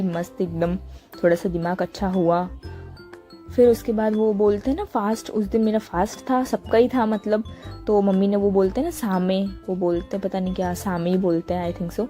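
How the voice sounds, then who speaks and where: Young woman, from India, casual vlog narration, soft mellow tone, soft music underneath. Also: mid-range voice, steady tone, moderate pace. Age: young adult. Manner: chatty, searching for words, frequent laughs. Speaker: vlogger. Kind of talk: casual voice-over narration of her day. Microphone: small handheld mic.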